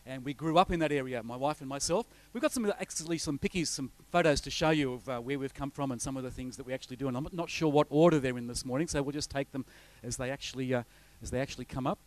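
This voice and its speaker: Talking fast in a medium pitch, this visiting pastor, a middle-aged Australian from New South Wales' north coast, opens his sermon to the congregation informally with slides. His introduction rambles and chats along, peppered with fillers and false starts.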